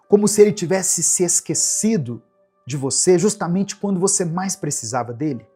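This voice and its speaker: Brazilian pastor guy, husky voice, soft earnest praying, faint music behind. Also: fairly high pitch. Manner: gentle, earnest, prayerful. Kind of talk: devotional prayer and sermon.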